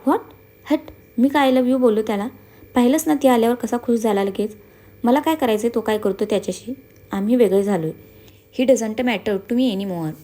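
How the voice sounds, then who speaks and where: A woman's voice: on the high side, normal speed, dark tone, lightly acted. Woman as a sarcastic young heroine, grumbling, slightly raised voice. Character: feisty young woman, grumbling and sharp-tongued.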